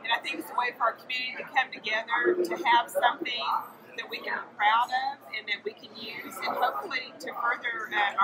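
A woman with a fairly high voice speaks earnestly into a close camera in a community kitchen hall, saying um often as she gathers her thoughts. Loud background noise runs under her. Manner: earnest, with frequent ums. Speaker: local maker. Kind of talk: short interview comment.

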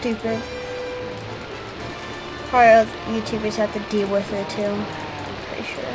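A woman casually commenting on her own gameplay, mostly muttering and grumbling to herself, sometimes breaking into loud shouts. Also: medium pitch, flat delivery, normal speed. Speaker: gaming YouTuber. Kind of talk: casual let's-play commentary. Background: clear music.

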